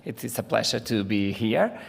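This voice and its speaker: A man from Portugal, a native Portuguese speaker, gives a medical conference lecture in a measured way with frequent "uh" fillers. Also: lowish voice, animated, vocal fry, breathy edge. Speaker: invited lecturer, physician. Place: conference hall. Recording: reverberant conference hall.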